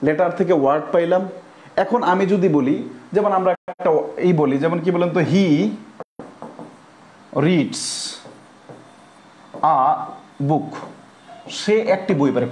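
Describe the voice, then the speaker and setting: A man with a Bangladeshi accent teaches a grammar class. His voice sits high, and it bounces around an echoey classroom. He keeps repeating himself and asks the students question after question. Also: lively intonation, fast talker, darkish tone. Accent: Bangladeshi Bengali. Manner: repetitive, quizzing students with rhetorical questions; spells words out letter by letter. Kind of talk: classroom lecture.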